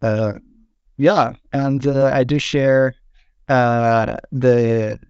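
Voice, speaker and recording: A man, a podcast guest, talking in a halting way with many fillers. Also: medium pitch, fairly even intonation, darkish tone, clean tone, no room sound, lo-fi sound. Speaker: guest, product manager. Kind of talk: casual podcast chat.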